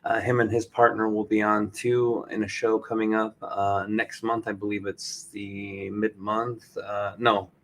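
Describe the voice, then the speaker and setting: Low-voiced male podcast host. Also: little pitch movement, measured pace, few pauses, fairly bright tone. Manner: reads out listener questions. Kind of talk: casual interview chat.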